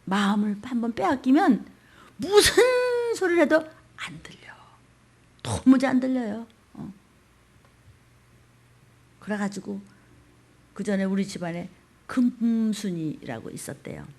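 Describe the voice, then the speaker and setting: A woman pastor preaching a sermon in a colloquial style, acting out quoted voices, asking rhetorical questions, and swinging between loud outbursts and hushed whispers. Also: mid-range voice, animated, unhurried, gravelly, long pauses, husky. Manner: dramatic, acts out quoted voices.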